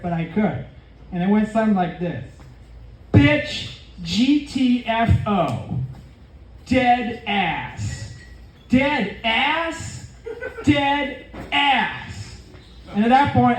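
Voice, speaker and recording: A man doing deadpan stand-up storytelling with conversational asides to the crowd, at a comedy venue. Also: sits high. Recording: echoey room, distant mic, faint ambience.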